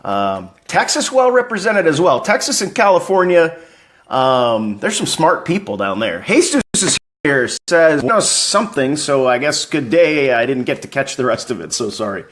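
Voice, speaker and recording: Lively chatty man hosting a fan stream. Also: fairly high pitch, moderate pace. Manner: upbeat, chatty, greeting viewers by name. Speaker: host of a live fan stream. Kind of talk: casual live-stream chat reading viewer comments.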